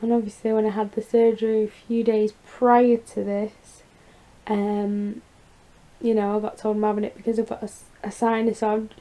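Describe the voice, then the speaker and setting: A woman with a croaky, creaky voice after surgery, chatting casually in a rambling, confiding personal vlog update. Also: mid-range voice, flat delivery, normal speed, mellow. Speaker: vlogger.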